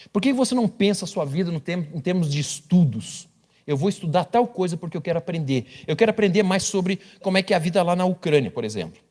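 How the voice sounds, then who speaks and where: A man, preaching a sermon as pastor with humorous, animated storytelling. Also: fairly high pitch.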